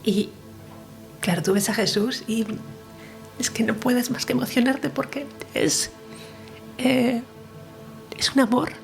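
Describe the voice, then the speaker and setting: A woman's voice: fairly high pitch, slow pace, vocal fry, long pauses, soft background music. A woman recounting her near-death experience in an interview, earnest and emotional, sometimes dropping to a whisper. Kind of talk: personal testimony in an interview.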